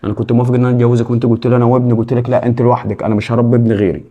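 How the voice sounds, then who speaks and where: A man with an Egyptian accent playing a gruff young groom who speaks bluntly and then earnestly. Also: medium pitch, little pitch movement, rapid-fire, highs cut off, lightly acted.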